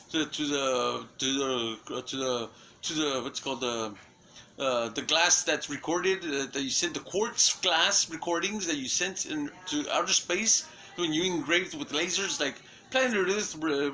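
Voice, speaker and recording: A man's voice: fairly high pitch, sharp tone, slight background noise, rough recording. A man in an unscripted monologue, rambling through restarts and fillers and swearing often. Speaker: self-styled messenger giving a prophecy.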